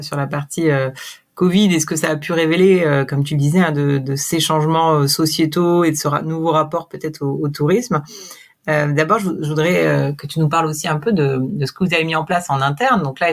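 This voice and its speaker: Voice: medium pitch, steady tone, a little fast. A podcast host interviewing a guest, asking long questions with many fillers and restarts.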